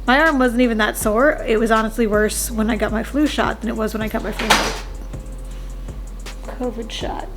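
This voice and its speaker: A woman's voice: a little high, fairly even intonation, normal speed, over music. Chatty, slightly breathless young woman. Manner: chatty, self-correcting, laughs between sentences. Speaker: vlogger. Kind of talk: casual personal vlog.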